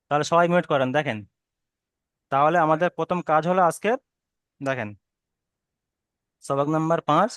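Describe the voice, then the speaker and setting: A man's voice: on the high side, clean tone, no room sound, studio quality. A man teaching an online Arabic reading lesson, patiently repeating the rules over a video call. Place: online class.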